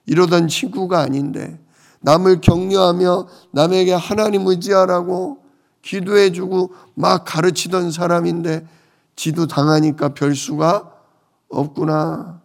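A man's voice: sits high, fairly even intonation, unhurried, vocal fry. A male pastor preaching a sermon, explaining scripture and asking his listeners questions. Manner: explanatory, asks the congregation questions.

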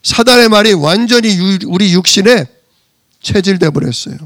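A man's voice: high-pitched, expressive, normal speed, a bit bright, dry recording, clean studio sound. A man preaching a sermon, asking rhetorical questions and answering them himself, with emphatic bursts. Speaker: pastor.

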